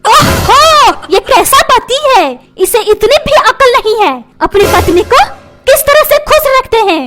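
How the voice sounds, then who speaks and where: A woman's voice: extremely high pitch, lively intonation, a little slow. A woman voicing a nagging, quarrelsome mother in a cartoon, complaining to her husband and doting on her son. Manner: complaining, demanding, repeats questions. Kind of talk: cartoon comedy voice acting. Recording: background music.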